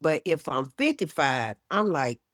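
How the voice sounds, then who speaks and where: Older lady chatting on a show, deep voice, punchy and emphatic, dry close sound. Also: measured pace, dry recording. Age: 60s. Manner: emphatic, lively, often acts out quotes. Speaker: guest, health educator. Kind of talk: casual interview chat.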